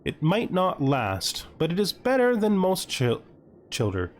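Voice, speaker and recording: Here a man with a high voice and wildly swooping pitch takes his time narrating a video game playthrough. Working as a gaming host, he reads on-screen text and thinks aloud casually, with music underneath and slight background noise.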